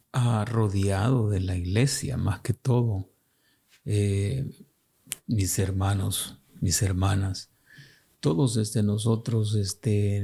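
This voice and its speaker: A Salvadoran pastor with a Salvadoran Spanish accent talks slowly and with care on a radio interview. His voice has a gravelly rasp and a dark, mellow tone. He hesitates often and agrees with short murmurs. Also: on the low side.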